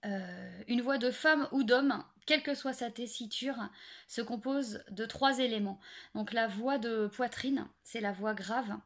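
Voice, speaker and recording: Woman, young adult, fairly high voice, casual singing lesson, hesitant, lots of fillers. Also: a little slow, a bit bright. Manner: hesitant, many fillers and restarts. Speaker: singing teacher. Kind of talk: casual spoken singing tips.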